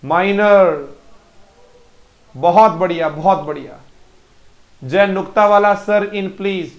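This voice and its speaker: High-voiced male teacher drilling English words. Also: echoey room. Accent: Indian Hindi. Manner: drills words aloud, repeats examples, praises students by name. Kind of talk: live online phonetics class.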